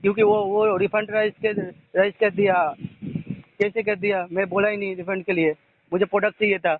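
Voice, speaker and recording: A man's voice: high-pitched, level tone, moderate pace. Frustrated man on a tinny phone line. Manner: frustrated, insistent, repeats himself. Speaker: customer caller. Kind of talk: phone complaint call.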